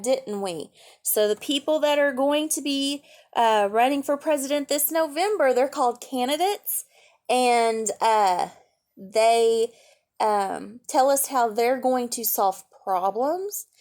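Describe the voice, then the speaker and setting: This is a fairly high-pitched woman reading a story to children, teacher-style. Along the way she offers gentle explanations and asks them questions.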